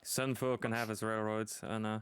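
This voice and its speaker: A man's voice: on the low side, little pitch movement, normal speed, a bit bright, smooth. Offhand man joking in a stream call. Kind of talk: casual stream chat.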